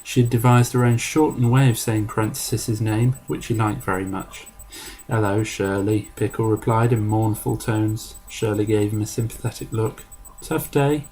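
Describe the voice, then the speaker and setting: A man reading a story aloud in an amateur storybook narration, measured and dry. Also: fairly low pitch, little pitch movement, a little mellow, soft background music, low-quality recording. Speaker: story reader.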